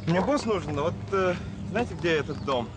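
An actor playing a naive, polite male visitor in a TV drama, speaking haltingly. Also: a little high, lively intonation, lightly acted. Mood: tentative. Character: hesitant, naive male visitor looking for a boss.

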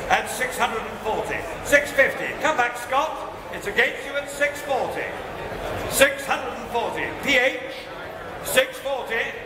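A man working as an auctioneer, calling bids in a quick rhythm with dry asides at a live auction. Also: extremely high pitch. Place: large auction hall with a crowd. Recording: echoey hall from far off, audience noise.

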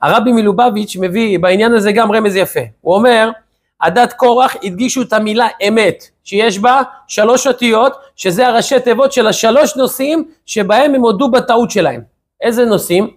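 Male rabbi teaching the weekly portion; raised pitch with a breathy edge, animated storyteller. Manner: lively storyteller asking rhetorical questions. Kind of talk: weekly Torah lesson.

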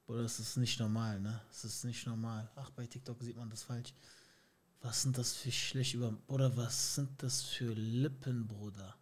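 A man's voice: medium pitch, little pitch movement, normal speed. A young man streaming a reaction video, making slangy, teasing remarks and laughing at what he watches. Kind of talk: mocking reaction commentary. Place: indoor streaming room. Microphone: headset with boom mic.

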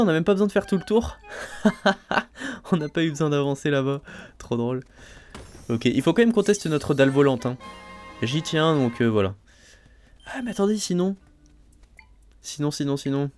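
A man casually commenting on his gameplay as a let's play host, thinking aloud, full of fillers and excited exclamations over each new find. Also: a little high. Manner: chatty, thinks aloud, frequent "hein" and "euh" fillers.

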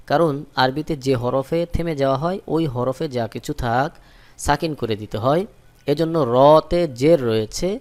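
A man teaching Quran reading, spelling Arabic prayer words letter by letter and then slowly chanting each joined word. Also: mid-range voice, darkish tone. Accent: Bangladeshi Bengali.

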